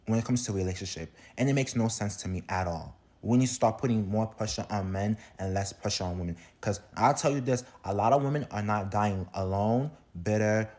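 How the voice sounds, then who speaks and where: A man's voice: on the low side, darkish tone. A man giving a blunt, lecturing commentary aimed at men.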